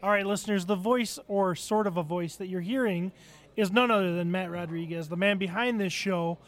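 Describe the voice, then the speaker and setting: A man's voice: sits high, brisk, a bit bright. A man hosting a podcast, introducing a guest and joking around casually. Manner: goofy, joking. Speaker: podcast host.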